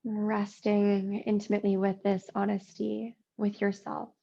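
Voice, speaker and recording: Woman yoga instructor, gravelly and mellow, slow and soothing, steady, even delivery. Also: medium pitch, highs cut off. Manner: slow, soothing, drawn-out phrasing with long pauses. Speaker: yoga teacher. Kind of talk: slow guided yoga meditation.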